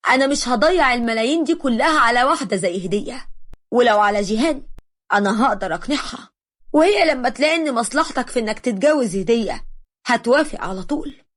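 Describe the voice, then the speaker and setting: A woman's voice: on the high side, expressive, fast. A woman voicing a scheming, domineering middle-aged mother with an Egyptian accent, scolding and bossy.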